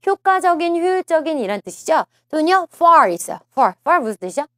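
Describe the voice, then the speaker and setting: A woman lecturer preps students for a listening exam, her fairly high voice swinging up and down in pitch. She coaxes the class, repeats each key phrase and keeps asking questions. The sound is dry and close to the mic. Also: very animated, fairly quick, fairly bright tone, no echo. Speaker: TOEIC listening instructor.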